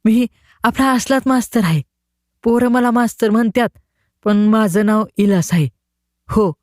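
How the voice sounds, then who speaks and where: A man's voice: high voice, moderate pace, darkish tone, no echo, studio quality, pitched above the performer's own voice, lightly acted. A man doing a timid rustic village boy. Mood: naive, pleading. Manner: hesitant, rustic dialect.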